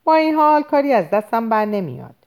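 A woman's voice: on the high side, big pitch swings, darkish tone, clear, resonant tone, pitched above the performer's own voice. A woman voicing a blunt, conspiratorial middle-aged police officer in an audiobook reading. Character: older male police officer, blunt friend.

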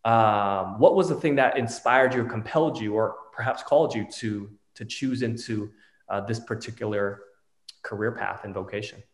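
A man, a pastor, interviewing teachers, asking rambling, halting questions full of restarts. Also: on the low side. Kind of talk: casual interview. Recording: roomy echo.

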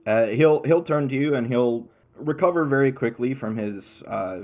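A man's voice: medium pitch, normal speed, faint music behind. A man narrating as game master of a tabletop game in a casual, filler-heavy way. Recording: tinny phone-like line.

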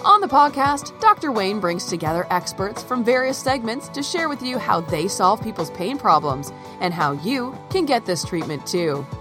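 A woman's voice: medium pitch, sing-song, moderate pace, few pauses. A woman reading a polished, scripted podcast introduction. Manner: polished promotional read. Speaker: podcast announcer. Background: music.

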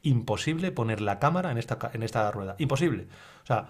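A man co-hosting a cycling podcast, telling animated stories with acted-out quotes and frequent swearing. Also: medium pitch, quick pace. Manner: animated storyteller, swears freely, acts out quotes. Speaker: podcast co-host. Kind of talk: casual chat.

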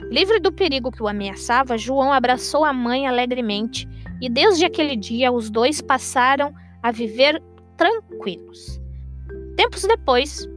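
A woman narrates a fairy tale for radio in an expressive, measured reading. Her voice sits high, and soft music plays faintly behind her. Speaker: storyteller.

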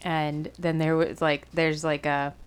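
A woman's voice: low voice, level tone, measured pace, clean tone. A young woman co-hosting a podcast, telling rambling, profane stories in casual chat and laughing often. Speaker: podcast co-host.

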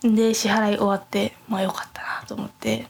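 A young woman podcast host, soft-spoken, chats casually and rambles through her story with many fillers, restarts and self-corrections. Her middling-pitched voice has a gravelly, creaky texture, a level tone and a fairly quick pace.

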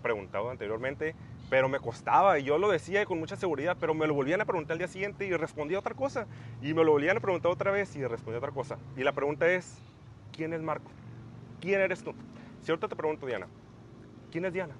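A man's voice: a little high, lively intonation, fast talker, a little hiss or hum. A young man hosting a casual podcast, thinking aloud with frequent restarts and fillers. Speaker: podcast host.

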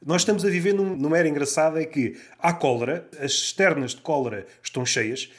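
A man with a European Portuguese accent talks with a slightly raised pitch, reflective and measured. He builds his points carefully in a casual podcast conversation. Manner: reflective, measured, fond of quotations.

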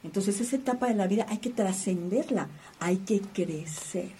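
A woman's voice: medium pitch, normal speed, dark tone, a little hiss or hum. A woman talking about emotions in a reflective conversation, asking guiding questions like a teacher.

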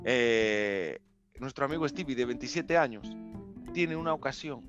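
A man's voice: mid-range voice, expressive, measured pace. A man from hosting a podcast, telling a story casually with slang and mouth sound effects. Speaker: podcast host. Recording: dull lo-fi with faint music.

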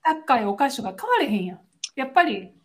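A woman with a Kansai accent, a Japanese teacher co-hosting a podcast, chats casually, explaining phrases and laughing often. Her voice is a little high and sing-song, and she talks fast.

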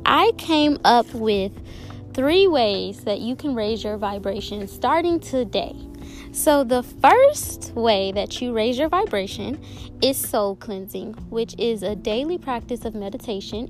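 A woman podcast host giving an encouraging spiritual self-help talk, repeating phrases deliberately for emphasis. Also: on the high side. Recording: music behind the voice. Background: clearly audible music.

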